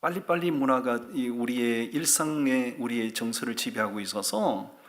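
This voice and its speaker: A man's voice: mid-range voice, moderate pace. A man, a pastor, giving a sermon in a church, telling jokes and asking his congregation questions. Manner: humorous, asks the congregation questions.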